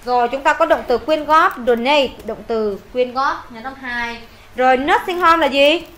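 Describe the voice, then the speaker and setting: A woman's voice: high voice, unhurried, fairly bright tone. A Vietnamese woman teaching an English lesson in a classroom, reading lines aloud, translating them and drilling vocabulary with repetition.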